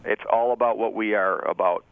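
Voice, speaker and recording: Guy on the phone line, tinny and dry, kinda low voice, rambly and upbeat with lots of uhs. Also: steady tone, brisk, vocal fry, clean tone, no echo. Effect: heard over the phone. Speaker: store owner calling in as a guest. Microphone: telephone.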